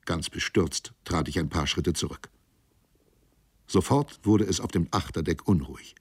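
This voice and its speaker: Deep, gravelly male narrator. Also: measured pace, no echo. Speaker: audiobook narrator. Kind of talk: scripted narration of a sea novel.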